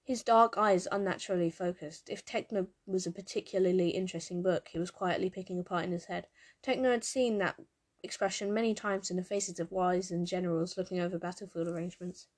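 A woman narrating a piece of fan fiction in a measured, expressive storytelling manner. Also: on the low side.

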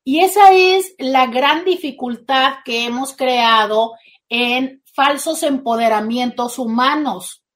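High-voiced emphatic woman. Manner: emphatic, animated, slips into quoted voices. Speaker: host and therapist. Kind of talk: casual advice talk.

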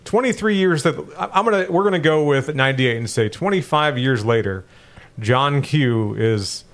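Man from the US, podcast co-host, casual chat, candid, self-deprecating, mid-pitched voice. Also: normal speed. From United States.

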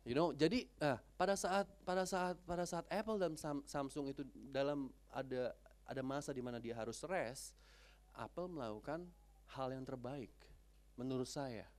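A man preaching a sermon in a church. He tells casual stories, switches between languages, swings his pitch widely and bursts out loudly. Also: moderate pace. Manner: animated, code-switching, with big pitch swings and loud outbursts.

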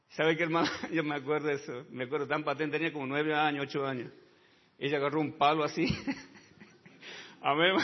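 A man preaching a sermon who keeps calling his listeners brother and adding amen, dropping to quiet asides and rising to loud shouts. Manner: addresses listeners as brother, tags lines with amen; swings between low quiet asides and loud high shouting. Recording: dull sound with long reverb in a large hall.

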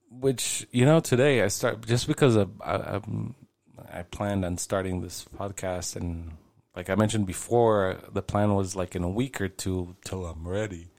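A man in his late forties hosts his own podcast solo, rambling casually and swearing freely. His voice is low, creaky, and a little mellow, with no room sound.

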